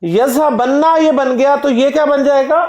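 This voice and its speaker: A man teaching Arabic grammar in a classroom lecture. He drills word forms slowly and keeps quizzing his students. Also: very high-pitched, fairly even intonation, a little mellow, lo-fi sound. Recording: echoey classroom recording.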